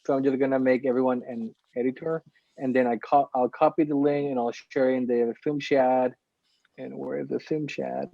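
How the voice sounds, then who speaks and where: Demoing a tool over a video call, a man explains each step with frequent ums in a tutorial walkthrough. His mid-range voice is steady, moderately paced and has some vocal fry. His computer mic yields dull, dry call audio with no echo.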